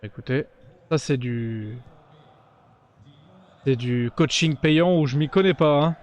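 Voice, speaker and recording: A man giving casual let's-play commentary, chatting straight to his viewers and breaking into cheers and shouts during big plays. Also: mid-range voice, takes it slowly. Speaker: gaming YouTuber.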